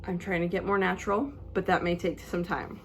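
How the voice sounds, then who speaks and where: Young mom vlogging in her bedroom, lowish voice, chatty and a bit scripted, kid making faint noise behind. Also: little pitch movement, brisk. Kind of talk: casual vlog talk to camera. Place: bedroom at home. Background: toddler noises in the background.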